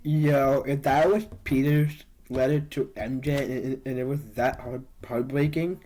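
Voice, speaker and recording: A man co-hosting a casual podcast chat, sniffly from allergies and talking in a relaxed, chatty way. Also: mid-range voice, a little slow, low-quality recording. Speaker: podcast co-host.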